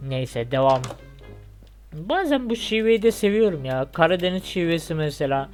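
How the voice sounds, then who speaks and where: A man's voice: on the high side, very animated, normal speed, soft background music. A young man from Turkey, with a Turkish accent, chatting casually and joking as he plays through a parkour game for his channel. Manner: chatty, joking, yelps when he falls. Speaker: gaming YouTuber. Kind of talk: casual gameplay commentary.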